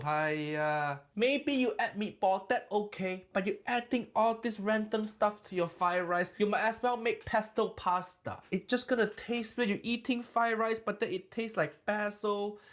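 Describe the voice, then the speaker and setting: A man's voice: high voice, measured pace, few pauses, a bit bright. A man playing a brash middle-aged uncle food critic, mocking a cook in broken English with a put-on Chinese accent. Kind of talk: comedic cooking reaction.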